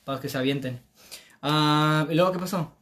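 A young man, chatting fast on a casual podcast and slipping English phrases in. His voice sits a little high. A faint noise floor hums behind him. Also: a bit bright. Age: young adult. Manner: storytelling, mixes English into his speech, laughs often. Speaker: podcast co-host. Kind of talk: casual chat.

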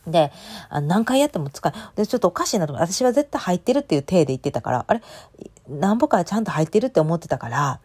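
A woman in her thirties talks in a Kansai accent. Her voice is low and mellow, but it swings widely in pitch. She tells a personal story quickly and with feeling, full of fillers and asides. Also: breathy edge. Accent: Kansai Japanese. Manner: chatty and emotional, lively dialect storytelling with many fillers. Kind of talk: casual storytelling monologue.

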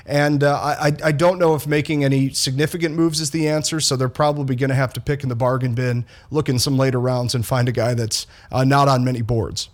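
A man's voice: mid-range voice, fairly even intonation, brisk, few pauses. A male sports co-host giving conversational commentary, repeating words as he reasons things through. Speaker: sports show co-host and analyst.

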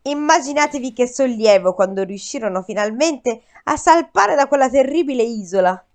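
A woman's voice: a little high, expressive, moderate pace. Woman reading a story with wry asides. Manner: wry, teasing comments between read passages. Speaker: podcast host reading a story aloud.

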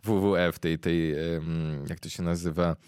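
Low-voiced young man, dry close sound. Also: steady tone, a little mellow, smooth, no echo. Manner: thoughtful, pauses often to search for words. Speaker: podcast host interviewing a guest. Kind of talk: casual conversational explanation.

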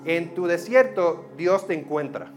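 A male pastor delivers a sermon in a somewhat high voice. He preaches in an animated, chatty way, slipping English words into his talk, with soft music playing underneath. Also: a little slow.

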